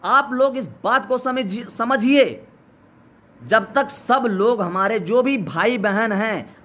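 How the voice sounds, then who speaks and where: A man running an outdoor protest delivers a live rallying speech, his very high voice bright, strained and hoarse from days of shouting. Urgent and exhorting, he presses his listeners and repeats the same call time after time.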